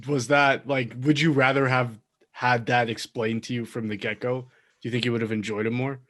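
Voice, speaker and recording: A man's voice: mid-range voice, level tone, a little fast, fairly bright tone. A man co-hosting a podcast, chatting casually and thinking aloud with many fillers. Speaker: podcast co-host. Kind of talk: casual chat.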